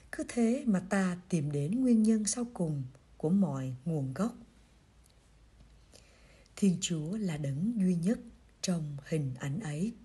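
Very breathy, slow-reading woman. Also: fairly low pitch. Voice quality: very breathy, husky voice. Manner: gentle, measured storytelling delivery. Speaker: reader of a priest's pastoral letter. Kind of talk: scripted reading of a pastoral reflection.

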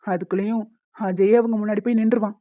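A woman's voice: medium pitch, fairly even intonation, fast, no echo, lightly acted. Cartoon husband, bickering and whiny, voiced by a woman, tinny dry phone-like sound. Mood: subdued. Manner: loud protesting outbursts. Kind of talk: Tamil cartoon dubbing.

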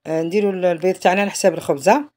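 A woman's voice: lowish voice, fairly even intonation, very fast, dark tone. A woman with an Algerian Arabic accent, narrating a home cooking tutorial in a chatty way, often trailing off mid-phrase. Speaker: home cook.

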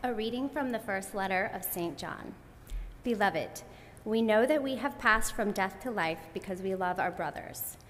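A woman's voice: medium pitch, animated, normal speed. Lady doing a church reading, long reverb, bit of background noise. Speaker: lector. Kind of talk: scripture reading. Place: church, at the lectern. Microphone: gooseneck lectern microphone.

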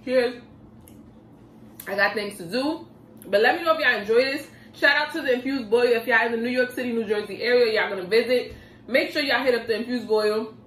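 A woman's voice: on the high side, brisk, a bit bright, slight background noise. Slangy woman chatting while she eats, echoey room, mic kinda far off. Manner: laid-back and slangy, talks between bites. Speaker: mukbang vlogger. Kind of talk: casual chat while eating.

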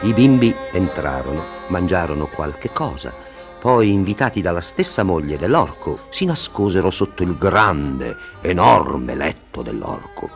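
A man narrating a fairy tale for children, expressive and talking to them directly. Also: deep voice, measured pace, creaky, soft background music. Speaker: storyteller.

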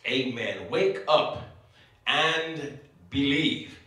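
Male bishop at a pulpit microphone, crisp bright tone, heavy church echo, sermon cadence full of amens. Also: mid-range voice, lively intonation, extremely slow. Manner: punctuates phrases with frequent amens. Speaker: bishop preaching. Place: church sanctuary. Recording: echoey church sanctuary, mic at a distance.

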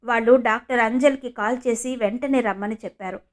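Woman narrating a story, somewhat high. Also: a little fast.

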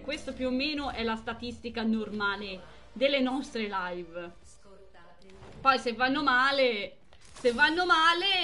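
A young woman streaming a game live, chatting with viewers and exclaiming excitedly over the action. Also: high voice, slight background noise. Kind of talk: live gameplay commentary.

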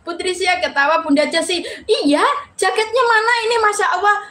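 A woman's voice: very high-pitched, expressive, brisk, pushed and bright. A woman hosting a casual live stream, chatting and reading out viewers' names with frequent laughter.

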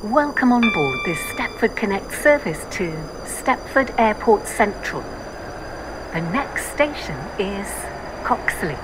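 Lilting, slow onboard train announcement woman. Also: medium pitch, big pitch swings, background noise. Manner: polite, measured announcer delivery. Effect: automated onboard train announcement.

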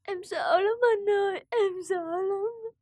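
A woman's voice: on the high side, normal speed, husky. An actress playing a distraught young pregnant woman, tearful and pleading, with a Southern Vietnamese accent. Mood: sobbing. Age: young adult.

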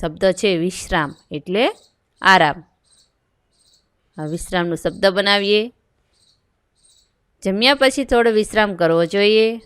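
A woman's voice: mid-range voice, unhurried, pauses often, a bit bright, clean tone, dry recording. A woman teacher reading a worksheet aloud, going through items and answers one by one. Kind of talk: worksheet lesson read aloud.

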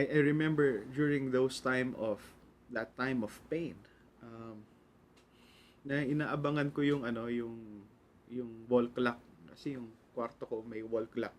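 A middle-aged Filipino man with a Filipino accent delivers an earnest radio sermon, moving easily between Tagalog and English. His voice sits at an ordinary pitch for a man. A faint hiss of noise stays in the background. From Philippines. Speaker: radio pastor. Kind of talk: devotional sermon.

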